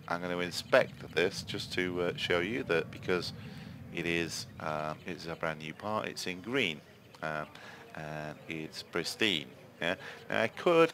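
A man's voice: sits low, a bit bright, slight background noise. A man giving chatty gameplay commentary, explaining each step and checking in with "yeah?" asides. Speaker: game reviewer.

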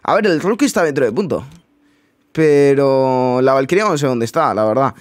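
A gaming YouTuber talks over his own gameplay in a medium-pitched, expressive voice at a normal pace. His commentary is casual and incredulous, with muttered asides to himself.

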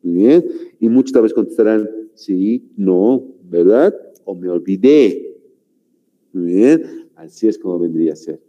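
A man from Bolivia teaching a grammar class, speaking slowly and repeating himself, forever checking in with "¿no?" and "muy bien". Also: low-pitched, expressive, warm tone, lo-fi sound. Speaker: language teacher.

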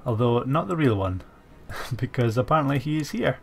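This expressive gaming channel host speaks at normal speed in a medium-pitched voice with vocal fry, sounding congested from a cold. While playing a strategy game, he muses aloud with many fillers over background keyboard typing.

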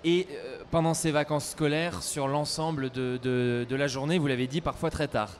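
A man's voice: a little high, fairly even intonation, normal speed, slight background noise. A young man, an organizer at a trade fair, speaking eagerly and stumbling over words in a casual interview, with a handheld mic. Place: trade fair stage, indoors.

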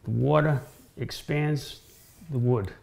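Taking it slowly, this man in his sixties speaks with a medium-pitched, creaky, darkish voice. As a guest woodworker in a home-style kitchen, he informally demonstrates cutting boards, frequently restarting and repeating himself.

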